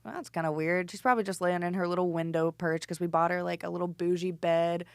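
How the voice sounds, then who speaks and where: A woman's voice: fairly low pitch, quick pace, creaky, clear, resonant tone, no room sound. A woman in her twenties, a band singer, telling a story in casual chat and acting out her own lines. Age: 20s. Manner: animated, swearing, quoting herself. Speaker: podcast guest, band singer.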